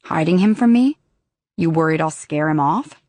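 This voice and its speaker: A woman voicing a protective, blunt young man in an audiobook, speaking quietly and low. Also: expressive, moderate pace, no room sound. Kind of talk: audiobook character dialogue.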